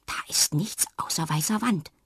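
Woman storyteller, children's story reading, calm, husky, dry close recording. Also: lowish voice, moderate pace, no room sound, whispered.

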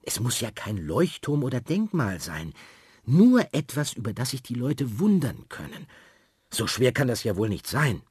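A man reading a children's story aloud in a lively, expressive way. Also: medium pitch, normal speed, slightly rough, no room sound, studio quality.

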